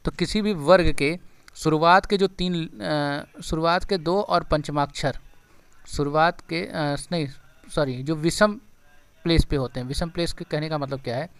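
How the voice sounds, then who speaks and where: A man's voice: fairly high pitch, measured pace, smooth, no room sound. A male teacher giving an exam-prep grammar lesson, sounding out syllables one by one and repeating key points back as questions to his students. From India.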